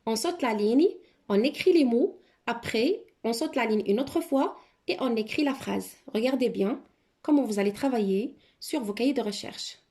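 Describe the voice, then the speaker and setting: In a room with noticeable echo, a woman who teaches primary school dictates to children, pronouncing each word carefully and repeating it. Her warm voice is on the high side and moves at a normal speed.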